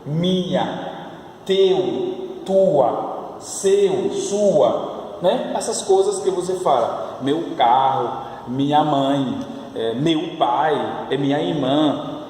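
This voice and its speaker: Homem professor, sala com eco. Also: male voice, on the high side, lively intonation, warm tone, recorded from a distance, a little hiss or hum. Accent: French. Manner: drills words slowly, repeats, coaxing and teasing. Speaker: French teacher. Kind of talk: online language lesson. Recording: echoey room, voice off-mic.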